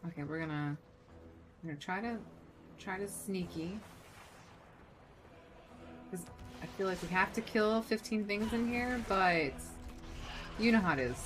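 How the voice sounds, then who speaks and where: A woman's voice: medium pitch, expressive, moderate pace, fairly bright tone, a little hiss or hum. A woman game streamer chatting casually and thinking aloud as she plays, her delivery swinging between muttering and exclaiming. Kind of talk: casual gaming livestream chat. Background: music behind the voice.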